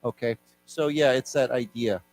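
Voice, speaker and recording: A man's voice: medium pitch, moderate pace, darkish tone, a little hiss or hum. A man, raised in Taiwan, teaching a live English class, explaining words and having the class repeat them. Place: lecture room.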